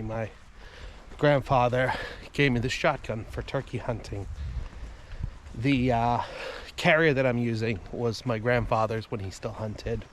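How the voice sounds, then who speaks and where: A man in his thirties from the USA, talking casually for his hunting vlog outdoors on a farm, halting and emotional with many fillers. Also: medium pitch, slight background noise. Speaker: hunting vlogger.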